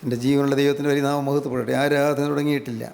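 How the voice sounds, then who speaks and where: Fervent preacher, gravelly voice in a reverberant hall. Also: male voice, medium pitch, flat delivery, very fast, a little mellow. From Kerala, India. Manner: fervent, rhetorical questions, repeated praise refrains. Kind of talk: sermon.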